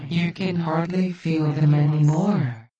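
A woman leading a guided relaxation hypnosis in a soothing, deliberate manner with long pauses. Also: low voice, fairly even intonation, dull audio, a crowd in the background. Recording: roomy, distant, hissy background noise.

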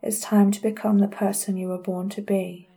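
A woman guiding a listener through a scripted hypnosis session, speaking in a slow, soothing, commanding way. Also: mid-range voice, level tone, creaky, mellow.

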